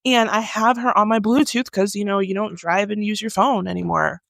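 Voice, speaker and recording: A woman in her forties, co-hosting a podcast in a small studio room, telling stories animatedly and acting out scenes with loud exclamations. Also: medium pitch, fairly even intonation, normal speed, creaky, no room sound. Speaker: podcast co-host. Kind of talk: casual chat.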